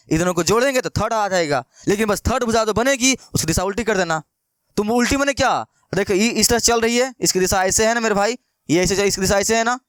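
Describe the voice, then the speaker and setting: A man's voice: high voice, fairly bright tone, clean tone, no echo, clean studio sound. A young man teaching a maths lesson in with a lilt, coaxing and repeating questions to his students. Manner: coaxing, repetitive, keeps asking students questions.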